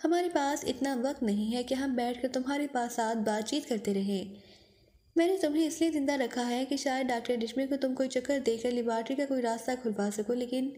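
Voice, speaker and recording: A woman narrating an audiobook spy novel, reading every character's lines in her own even voice. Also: sits high, brisk, long reverb tail. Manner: reads all parts in one even voice, small stumbles.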